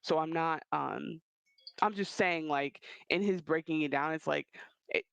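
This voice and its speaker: A man co-hosting a podcast, talking in a casual, animated and rambling way with quick restarts. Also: on the high side, creaky, clear, resonant tone, no echo, low-quality recording. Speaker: podcast co-host. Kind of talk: casual chat.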